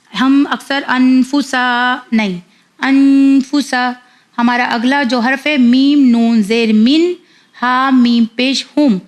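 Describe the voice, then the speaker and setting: A woman teaching Quran reading to children, spelling out syllables one by one, repeating them and correcting common mistakes. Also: high voice. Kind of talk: slow spelled-out recitation lesson.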